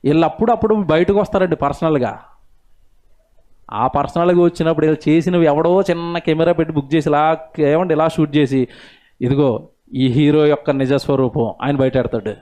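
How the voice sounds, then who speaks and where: A male pastor preaching a sermon, swinging between loud rhetorical questions and low asides. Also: a little fast.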